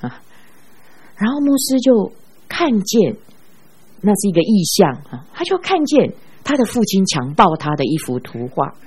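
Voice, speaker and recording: A woman preaching a sermon, telling stories in an animated way and ending phrases with a drawn-out "ah". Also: mid-range voice, husky. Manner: animated storyteller who ends phrases with a drawn-out "ah". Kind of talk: sermon with storytelling.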